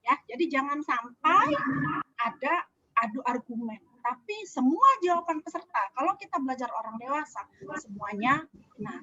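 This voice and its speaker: A woman's voice: high voice, very animated, moderate pace, pushed and bright, no room sound. A woman trainer giving chatty feedback to a class over a video call, often asking them questions. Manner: chatty, asks the class questions, laughs easily. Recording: dull lo-fi video call audio.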